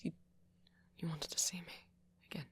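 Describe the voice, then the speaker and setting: Lightly acted, this intimate ASMR boyfriend roleplay features a British man as an anxious young vampire who sounds shy and flustered. He keeps stammering and pausing apologetically, his soft, breathy voice frequently sinking toward a whisper.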